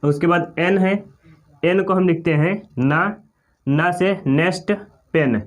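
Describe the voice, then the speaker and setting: A man from India teaching English pronunciation in a slow, repetitive classroom manner, checking in with "okay" after each point. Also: high voice. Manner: slow, repetitive, often says "okay" and "clear".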